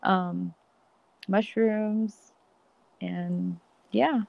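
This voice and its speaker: A woman's voice: mid-range voice, fairly even intonation, extremely slow, creaky, no echo, muffled recording. A young woman from Colombia, a podcast guest chatting casually and laughing easily with many fillers. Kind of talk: casual interview.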